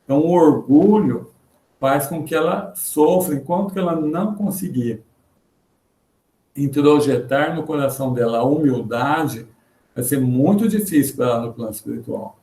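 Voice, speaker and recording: Brazilian male spiritist lecturer, earnest and halting, fairly high voice, roomy video-call sound. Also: expressive, warm tone. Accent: Brazilian Portuguese. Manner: earnest, halting with repeated fillers. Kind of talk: religious lecture with read-out passages. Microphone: computer mic in a video call.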